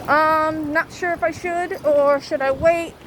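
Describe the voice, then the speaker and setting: A woman chatting casually and haltingly to her vlog viewers, outdoors in strong wind. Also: high-pitched, steady tone, low-quality recording. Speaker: vlogger. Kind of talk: casual rambling vlog chat. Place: outdoors in windy weather. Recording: loud wind noise, outdoors.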